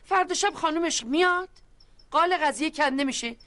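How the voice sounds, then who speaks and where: An actress playing a calm figure who mediates a family dispute and talks the others down. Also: female voice, high-pitched. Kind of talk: TV comedy drama acting.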